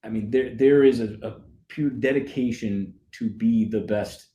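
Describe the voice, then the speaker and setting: A man's voice: on the low side, a little slow, warm tone, muffled recording. A man, a stadium announcer, telling stories with enthusiasm and frequent laughs in a casual interview. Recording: roomy echo.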